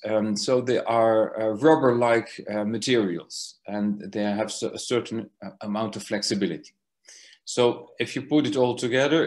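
A man giving an academic science lecture, talking slowly through slides with many fillers and restarts. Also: medium pitch.

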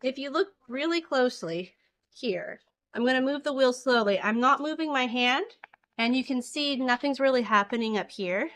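Her high-pitched voice has lively intonation, a moderate pace and a fairly bright tone as this woman in her thirties demonstrates fiber spinning. The informal, simply explained session, full of everyday comparisons, takes place in an indoor farm shop with a concrete floor and is filmed on a handheld camera a short distance away.

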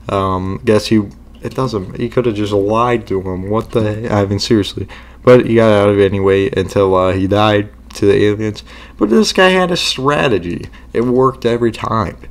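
A man hosting a reaction video, talking casually and rambling with many fillers. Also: lowish voice.

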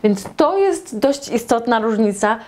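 Polish woman English teacher, slows down to model each phrase clearly. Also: a little high, animated, a little mellow. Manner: slow, deliberate model pronunciations of English phrases.

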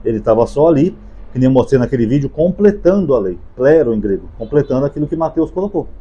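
A man's voice: medium pitch, animated, quick pace, breathy edge, muffled recording. A Brazilian man giving an unscripted, conversational talk on the gospels, peppering his points with "né" and "tá" as he speaks from memory. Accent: Brazilian Portuguese. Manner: conversational, many fillers like "né" and "tá". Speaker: YouTube Bible commentator. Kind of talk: casual spoken lecture on the gospels.

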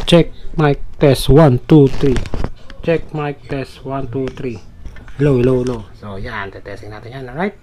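In a rough recording with a little hiss or hum, a young motovlogger speaks slowly in a dark, medium-pitched voice. His casual how-to vlog covers his motorcycle helmet camera setup, full of chatty repeated fillers and the word "lods" for viewers, recorded on a helmet-mounted action camera mic outdoors at home, then riding.

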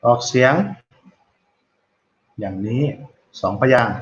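A man teaching an English lesson online, explaining slowly, repeating words and quizzing students, and reading model phrases aloud in a drawn-out way. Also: on the low side, steady tone, muffled recording.

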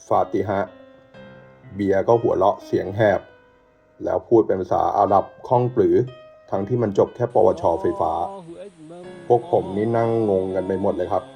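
A man narrating a first-person ghost story in a hushed, suspenseful way, as the show's storyteller. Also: sits low, fairly even intonation, moderate pace, creaky. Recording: dull lo-fi sound with soft music.

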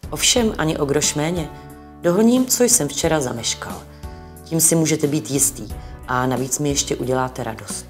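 A woman voicing an old miser who has turned joyful and generous, speaking cheerfully and briskly. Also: sits low, animated, darkish tone, faint music behind.

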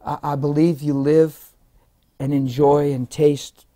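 A man in his forties giving an emphatic, animated personal testimony while seated in an interview, often breaking into laughter between points. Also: fairly high pitch, takes it slowly. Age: 40s. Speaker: interview guest, minister. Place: indoor lounge-style set, seated in armchair.

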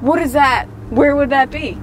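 A woman's voice: high voice, moderate pace. A woman on a casual paranormal vlog out in the woods, relaying the words she hears. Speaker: ghost hunter relaying spirit messages. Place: outdoors in woods at night. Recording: noisy outdoor recording with ambient noise.

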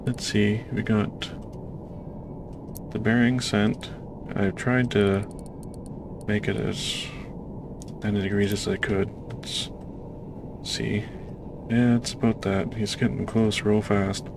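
Man, monotone gameplay commentary, creaky, self-deprecating, noisy background. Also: fairly low pitch, takes it slowly, pauses often. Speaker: gamer playing a submarine sim. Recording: noisy game audio behind voice.

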